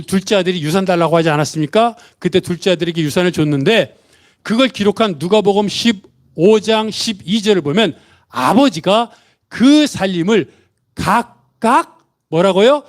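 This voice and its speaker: Male pastor, high-pitched, lively sermon, voices the characters he quotes. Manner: asks the congregation questions and has them repeat after him; acts out the father's and son's words in quotes. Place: church.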